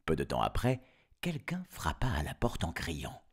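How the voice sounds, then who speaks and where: This storyteller has an extremely low, creaky voice with a breathy edge and wildly swooping pitch, delivered at normal speed. He narrates a fairy tale playfully, breaking off for wisecracks and laughing at his own puns.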